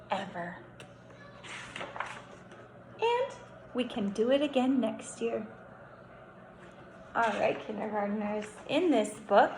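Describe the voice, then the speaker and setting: This kindergarten teacher, a young adult woman with a fairly high voice, reads to small children in a slow, deliberate way, a clear creak running through her speech. She lingers on important words and pauses to explain, lively and instructive throughout. Her voice rings in a roomy space over a faint hum of background noise.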